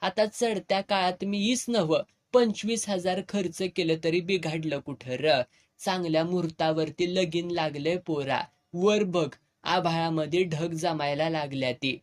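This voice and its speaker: A storyteller voicing a blunt, fatherly old village headman who talks gruffly in a rural Marathi village dialect. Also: mid-range voice, unhurried, natural voice. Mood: expansive. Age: older. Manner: gruff, earthy, commanding.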